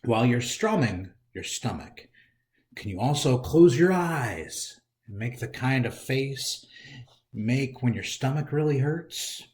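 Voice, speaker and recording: Medium-pitched and darkish in tone, the man's voice has lively intonation and a measured pace. He's an American hosting storytime who reads a picture book dramatically and speaks directly to the kids. The recording carries a roomy, echoing indoor sound.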